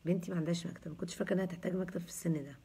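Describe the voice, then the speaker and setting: A woman's voice: on the low side, fairly even intonation, racing, dark tone, breathy edge. A woman in her thirties with an Egyptian accent, hosting a casual live chat and answering viewers with jokes and teasing. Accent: Egyptian Arabic. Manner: joking, teasing, chatty. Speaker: host answering viewers' comments.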